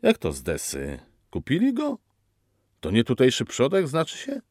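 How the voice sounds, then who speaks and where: Dude doing a wry handyman guy, dry jokey tone, lively intonation. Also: mid-range voice, normal speed, dry recording. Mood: puzzled. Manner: dry, mock-professorial. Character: wry handyman, dry-humored young man.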